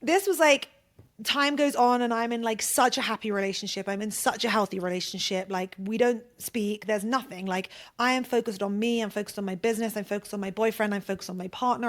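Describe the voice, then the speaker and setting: A woman's voice: medium pitch, fairly quick. A woman hosting a podcast, telling a personal story in a casual, chatty way, swearing freely and saying "like" a lot. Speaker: podcast host.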